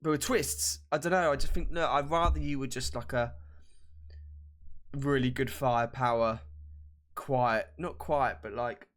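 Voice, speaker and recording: A man's voice: mid-range voice, fairly even intonation, measured pace, fairly bright tone. Male podcast co-host, casual banter, salty language, teasing impressions. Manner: banter-heavy, swears freely, mocks with put-on voices. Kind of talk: casual chat.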